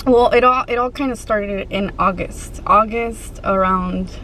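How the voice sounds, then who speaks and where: A woman vlogger telling a personal story to her viewers in a casual, conversational way, pausing and restarting as she goes. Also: medium pitch, fairly bright tone, slight background noise, poor audio.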